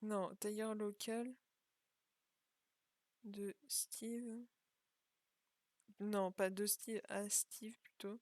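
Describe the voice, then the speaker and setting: A woman's voice: medium pitch, level tone, very slow, pauses often, darkish tone, no room sound, clean studio sound. A young woman chatting casually as she plays and comments on a video game, thinking aloud and joking at herself. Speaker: gaming video creator.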